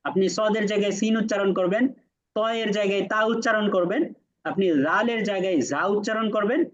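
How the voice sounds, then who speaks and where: A man with a high voice gives a Quran lesson, calmly explaining and repeating letter sounds so his students can compare them. The sound is muffled and lo-fi. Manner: asks students rhetorical questions. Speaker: Quran teacher. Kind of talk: classroom lesson.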